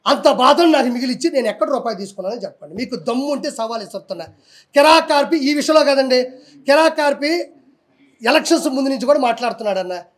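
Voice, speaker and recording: A man's voice: very high voice, expressive, fast talker. A man, speaking combatively and defiantly in a heated political interview.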